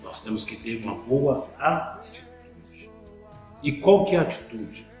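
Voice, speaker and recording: A man's voice: mid-range voice, sing-song, unhurried, a little mellow, soft background music. Man preaching in an echoey room. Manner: rhetorical questions, repeats words when restarting. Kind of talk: sermon.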